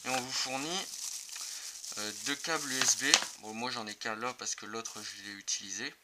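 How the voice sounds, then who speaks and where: A motorcycle gear reviewer gives a casual, improvised and somewhat hesitant hands-on product demo for a video. His mid-range voice keeps a moderate pace, and the amateur recording is clearly noisy.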